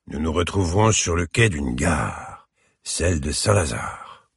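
A man's voice: a bass voice, expressive, measured pace, gravelly, fairly bright tone, breathy edge, no echo, studio quality, exaggerated voice. A man reading aloud, voicing a cultured, charming older grandfather who speaks with dignity.

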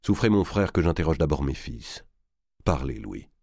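A man's voice: very deep voice, sing-song, moderate pace, gravelly, mellow, breathy edge, no room sound, studio quality, full character voice. A man voicing a stern old king who speaks curtly and coldly. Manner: curt and cold. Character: cold, stern older male king.

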